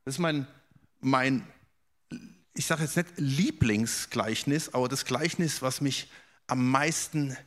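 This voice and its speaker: A man preaching a sermon, earnest and direct, repeating words for emphasis and dropping to a soft voice for quoted questions. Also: mid-range voice, takes it slowly.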